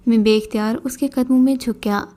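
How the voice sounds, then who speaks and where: A woman narrates a horror story in a measured, storytelling way. Her voice is mellow and sits fairly high. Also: steady tone.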